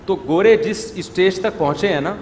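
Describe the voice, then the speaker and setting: A middle-aged male preacher, talking in a conversational, scolding way full of rhetorical questions. His voice sits a little high for a man. The recording carries a long hall reverb and a faint murmur of room noise. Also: a little mellow. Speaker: religious scholar, preacher. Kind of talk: informal religious talk to an audience.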